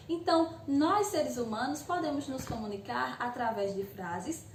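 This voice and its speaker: A woman with a high-pitched voice and a Brazilian Portuguese accent gives eighth graders a recorded video lesson. Patiently explaining, she checks in with "ok?" again and again and speaks her students' questions herself. There's a little hiss or hum, an echoey room, and she's somewhat distant from the mic.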